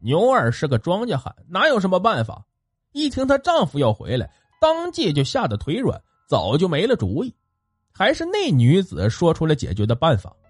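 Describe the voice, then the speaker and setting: A man telling a folk ghost story in animated, colloquial narration. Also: on the high side, normal speed, breathy edge, dry recording. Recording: dry close recording, faint music.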